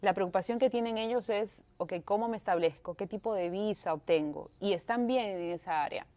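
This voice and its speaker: A Peruvian woman in her thirties, a guest lawyer with a Peruvian Spanish accent, answers interview questions chattily, dropping in English words. Her mid-range voice is brisk and a little mellow.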